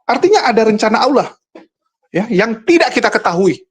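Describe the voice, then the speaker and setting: A man with an extremely high voice and big pitch swings talks a little fast. He's a show host and religious commentator delivering a casual, argumentative monologue, scornful in tone and full of rhetorical questions aimed at his viewers.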